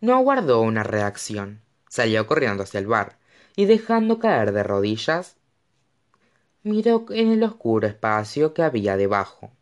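Sex: man. Role: audiobook reader. Style: dramatic, expressive narration with lively pitch. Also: moderate pace.

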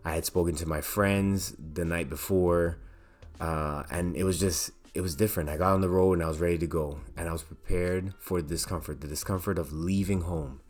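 Deep-voiced man telling a personal story. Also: fairly quick. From Canada. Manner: animated, acts out quoted voices. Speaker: podcast host.

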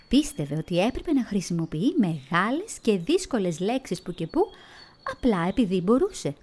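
A woman storyteller narrating a children's fairy tale in an expressive, melodic way. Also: medium pitch. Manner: expressive, melodic reading with vivid emphasis.

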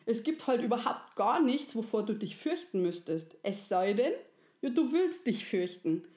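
A woman's voice: on the high side, animated, moderate pace, a little mellow, lightly acted. A woman voicing a kindly, wise creator woman, soothing and folksy. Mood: gentle. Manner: soothing, folksy, fond of dialect fillers. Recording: roomy echo.

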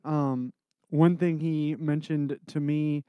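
A man with a nasal voice co-hosting a casual podcast, talking animatedly and swinging his pitch up and down. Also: little pitch movement, takes it slowly, clean tone, dry recording, lo-fi sound. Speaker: podcast co-host and pastor.

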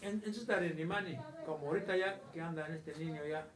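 A man's voice: fairly high pitch, fairly quick. A man in casual conversation explaining words and giving everyday examples of how they are used. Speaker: native speaker teaching words. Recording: echoey room.

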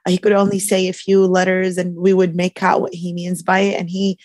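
A woman's voice: on the low side, monotone, a little fast, a little mellow, no echo. Brief: woman, late 30s, from Iraq, podcast guest, reflective, dry close sound. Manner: reflective, with frequent fillers. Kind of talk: casual interview talk.

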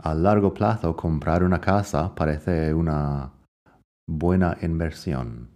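A man's voice: rumbling low, slow, warm tone. A man from the United States teaching English phrases in a lesson, explaining patiently and reading each example twice with an American accent. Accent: American English in his English examples. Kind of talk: language lesson narration.

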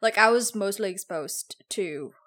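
A Javanese woman from Java, Indonesia, hosts a podcast and chats casually in a medium-pitched, expressive, unhurried voice that's a bit bright. It's relaxed, conversational podcast talk.

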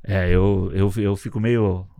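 A man, co-hosting a casual chat in a relaxed, joking way. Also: deep voice, slow pace, vocal fry, clean tone, no room sound. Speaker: podcast co-host.

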